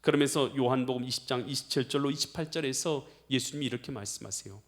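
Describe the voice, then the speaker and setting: A man's voice: mid-range voice, quick pace. A man preaching a sermon as pastor, emphatic and direct, pressing the congregation with repeated rhetorical questions.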